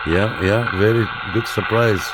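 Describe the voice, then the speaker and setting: In a lowish, unhurried voice with a steady tone, a male CB radio operator and YouTube channel host chats casually with viewers and makes radio contacts from a room at his set. He talks informally and repeats call phrases, with background noise and radio clicks clearly heard.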